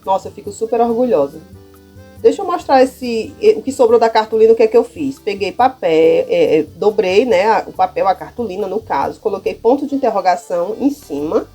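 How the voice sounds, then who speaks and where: Soft music plays as a Brazilian primary school teacher, speaking with a Brazilian Portuguese accent, walks through classroom material in a casual how-to style and often checks in with her audience. Her mid-range voice is animated, fairly quick, warm and husky.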